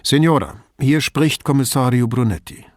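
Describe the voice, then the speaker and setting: A man voicing a tactful middle-aged male police commissioner in an audiobook, speaking in a polite, measured way. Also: mid-range voice, dry recording, clean studio sound, lightly acted.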